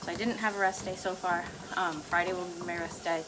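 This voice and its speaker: Woman vlogging on a treadmill, lowish voice. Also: flat delivery, brisk, noisy background. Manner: talking while walking on a treadmill; laughs lightly between phrases. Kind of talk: casual rambling solo talk.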